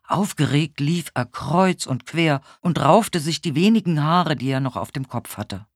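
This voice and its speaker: Storybook narrator, slow and deliberate, very animated pitch, dry close recording. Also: no room sound. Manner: slow, lively storytelling as a seven-year-old boy detective. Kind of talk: scripted audiobook narration for children.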